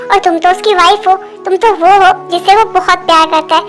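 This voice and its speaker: A woman's voice: extremely high pitch, steady tone, brisk, music in the background. A woman voicing a caring mother comforting her daughter-in-law in a Hindi fan dub, soothing and reassuring.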